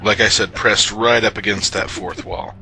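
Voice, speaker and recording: A man's voice: lowish voice, fairly even intonation, normal speed, bright, forceful tone. A man playing a tabletop game, chatting casually with wry remarks. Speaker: player.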